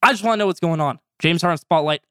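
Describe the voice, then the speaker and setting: A fifteen-year-old boy hosting his own sports podcast, talking energetically and stretching out segment names when excited. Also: on the high side, fast, faint music behind. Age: teens. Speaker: podcast host. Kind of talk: solo sports podcast commentary.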